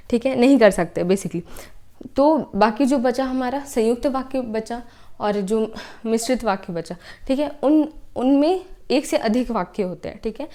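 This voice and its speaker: A young adult woman teaches an exam-prep lesson. She explains step by step, repeats her points, and often checks in with a quick "okay". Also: a little high, a little mellow.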